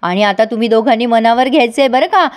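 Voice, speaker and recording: A woman's voice: fairly high pitch, fast talker, natural voice. Woman reading as a doting would-be grandmother. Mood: affectionate. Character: joyful middle-aged mother longing for grandchildren.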